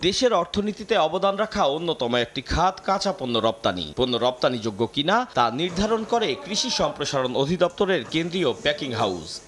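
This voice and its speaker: A man's voice: on the high side, a bit bright. A male news reporter reading a scripted investigative report expressively.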